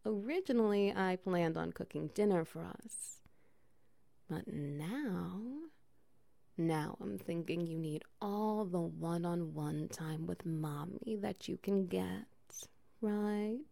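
Woman, soft soothing ASMR roleplay, half-whispered, mellow voice, dry close sound. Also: fairly low pitch, slow, gravelly, dry recording. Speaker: ASMR performer.

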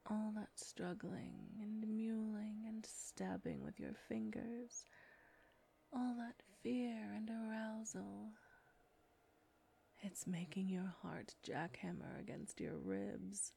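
A woman voicing a seductive, predatory female succubus in an audio roleplay, speaking in a breathy whisper with a slow, taunting manner. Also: medium pitch, lively intonation, warm tone, a little hiss or hum. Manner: slow, taunting, close to the ear.

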